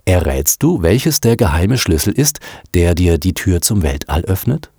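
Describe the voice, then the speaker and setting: A man's voice: low-pitched, big pitch swings, a little slow, dark tone, slightly rough, no room sound, studio quality, full character voice. A man voicing a patient, enthusiastic male computer owner in a storybook, speaking in a coaxing way. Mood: eager.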